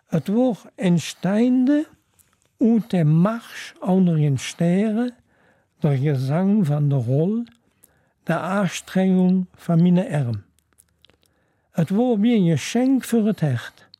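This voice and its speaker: A storyteller reading a storybook aloud, calm, measured and reflective. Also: medium pitch, no echo. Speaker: narrator of a storybook.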